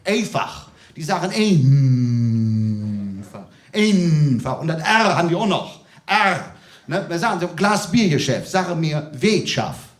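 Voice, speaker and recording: A man with a thick Kölsch accent rambles through his stand-up set, full of little tag questions. His voice sits high for a man. The sound carries the roomy echo of a small theater. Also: sing-song, normal speed, fairly bright tone. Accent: Kölsch (Cologne dialect). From Cologne area, Germany. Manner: rambling, chatty, many fillers like "ne" and "weißt du". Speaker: stand-up comedian. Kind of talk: stand-up comedy.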